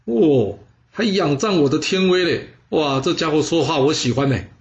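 A man's voice: fairly high pitch, normal speed, dull audio, pitched above the performer's own voice, close to an everyday voice. A man voicing a smug, calculating ancient king who speaks offhandedly in a told story. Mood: pleased. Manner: offhand, self-satisfied.

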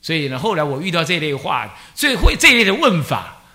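Lively, bright-voiced Taiwanese monk telling stories. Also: male voice, on the high side, a little fast. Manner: animated storytelling, acting out both sides of dialogues with laughter. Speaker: abbot and Buddhist teacher. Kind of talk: Buddhist dharma talk.

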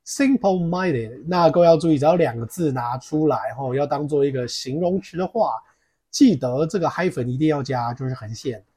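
A man hosting a podcast English lesson, explaining pronunciation and slowly repeating words, with a lively, joking manner. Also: medium pitch, husky. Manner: lively, jokey aside. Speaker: English teacher. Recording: podcast mic.

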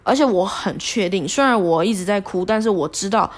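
A woman telling a personal story on a podcast, animated and self-deprecating with many fillers. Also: medium pitch, a little fast. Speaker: podcast host.

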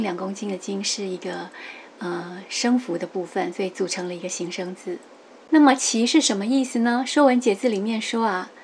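Middle-aged lady teaching old poems, patient, drags out the verses, little "ha" tacked on, light hiss behind. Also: mid-range voice. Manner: lively, explains patiently, ends many phrases with a soft "ha"; reads quoted verses slowly and with emphasis. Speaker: lecturer on classical poetry. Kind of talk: explanatory classical poetry lecture.

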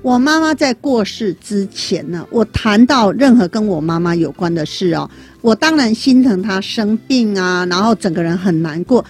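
A woman's voice: medium pitch, lively intonation, moderate pace, few pauses, husky, faint music behind. A woman with a Taiwanese Mandarin accent, hosting a podcast chat and steering the talk toward her co-host with questions. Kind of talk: casual chat.

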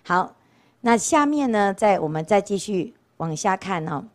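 A woman's voice: medium pitch, animated, unhurried. A woman, a Buddhist nun giving a casual storytelling dharma talk and often asking her listeners "right?". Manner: chatty, keeps asking rhetorical "right?" questions. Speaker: Buddhist nun lecturing on scripture. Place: temple lecture hall.

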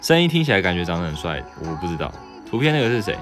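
On a livestream, a young man with a Taiwanese Mandarin accent and a fairly low voice reads viewer questions aloud and answers them offhandedly, tossing in the occasional joke. He's very animated and talks very fast, with soft music faint in the background.

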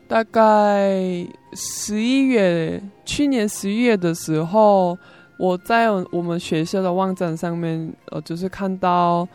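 Young korean lady, foreigner speaking mandarin w/ korean accent, halting and repeating words, telling her story, music behind. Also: lowish voice, darkish tone, clear, resonant tone. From South Korea. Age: young adult. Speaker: interview guest, student. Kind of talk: personal testimony in conversation.

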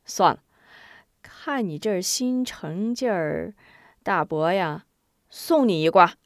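A kindly old village shopkeeper from a storybook, good-natured and chuckling, with a lively lilt, as a woman voices him. The sound is dry and close. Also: lowish voice, takes it slowly, dry recording. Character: kind, jolly old male shopkeeper.

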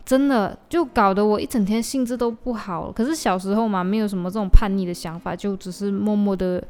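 A woman's voice: medium pitch, a little fast, darkish tone, smooth. A young woman, venting in casual podcast chat and slipping into English now and then. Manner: venting, weary, drifts into English exclamations. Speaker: podcast host.

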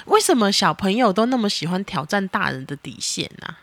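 On a podcast, a woman chats casually in the role of a mother talking with her child, animated and teasingly exasperated. Her voice is medium-pitched and fairly quick, and the recording is dry.

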